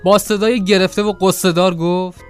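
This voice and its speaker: High-voiced man narrating a comic war tale. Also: little pitch movement, clear, resonant tone, soft background music. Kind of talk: comic audio drama narration.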